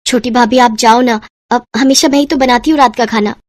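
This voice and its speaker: A woman's voice: on the high side, fairly even intonation, brisk, no echo, studio quality, lightly acted. A woman voicing a timid, overworked teenage schoolgirl in a cartoon story, speaking hesitantly and stammering.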